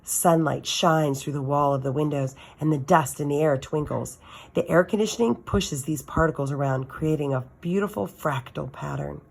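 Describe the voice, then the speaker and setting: Reading a children's novel aloud, a woman with a slightly low, gravelly, somewhat mellow voice narrates at a moderate pace. She gives the story expression, like a teacher sharing it with her students.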